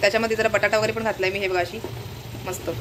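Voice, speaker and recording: Fast-talking woman vlogging from her kitchen. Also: mid-range voice, level tone, background noise. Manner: chatty, keeps pointing things out to viewers. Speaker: family vlogger. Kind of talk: casual chatty kitchen vlog. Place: home kitchen. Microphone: phone held in hand.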